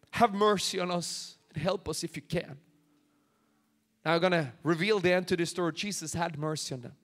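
Holding a microphone on a large church stage, a pastor in his forties from Sweden performs prayers and quotes with growing intensity as he preaches. His voice is high and fairly bright.

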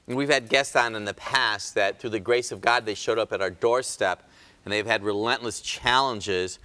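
A man's voice: lowish voice, sharp tone, smooth. A man hosting a health talk show as a chiropractor, speaking emphatically, pleading with viewers and dropping sarcastic asides.

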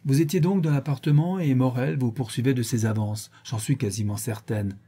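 A man's voice: mid-range voice, dark tone, slightly rough. Man voicing a stern, shrewd lady of the house. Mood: cold. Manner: measured, deliberate interrogation. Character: stern shrewd woman questioning her servants, cool and firm.

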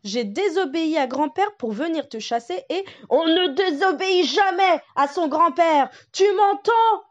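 A woman's voice: sits high, expressive, a little slow, lo-fi sound, voice pushed up. A woman voicing a bold, cheeky little boy who talks brashly and scolds.

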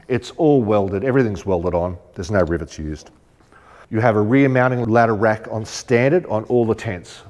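Fairly low in pitch with a darkish tone, this man casually shows off rooftop tent fittings in a big warehouse showroom. He chats practically and thinks aloud with plenty of ums, while long reverb and faint music fill the space.

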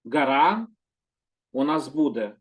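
A man teaching a calm, slow lesson, gently repeating words and patiently correcting himself. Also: medium pitch. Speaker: Hebrew teacher.

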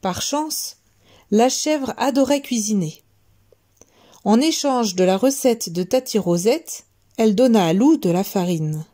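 A woman reading a children's story aloud, gentle and expressive. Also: a little high, unhurried.

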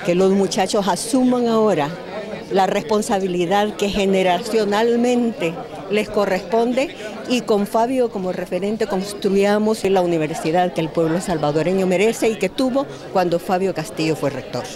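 A woman's voice: medium pitch, moderate pace, crowd noise. A woman in her sixties giving a tribute interview at an event, speaking in an emphatic, admiring way. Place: indoor event hall. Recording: crowded event room.

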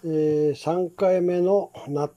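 Slow, chatty older man from Kumamoto. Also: a little high, fairly even intonation, warm tone, dry recording, highs cut off. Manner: slow, chatty, with many fillers and pleased exclamations. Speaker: home cook vlogger. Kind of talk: casual how-to vlog.

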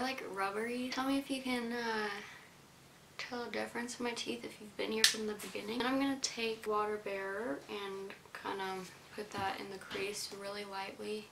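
Filmed against a plain wall indoors, this young woman's makeup tutorial is loose chit-chat, her thoughts frequently trailing away. She speaks at a medium pitch with a creaky, slightly bright quality, and the audio carries roomy echo plus a faint hiss.

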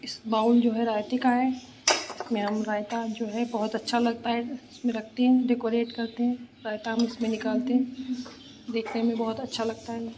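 A woman with a cold and a hoarse voice, casually explaining a home recipe step by step as a cooking vlogger. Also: a little high, little pitch movement, moderate pace, background noise. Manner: plain, homely instructional tone.

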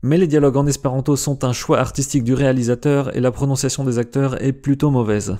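A man narrating a scripted educational video about a language, lively, and slowing down carefully to spell out pronunciations. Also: mid-range voice.

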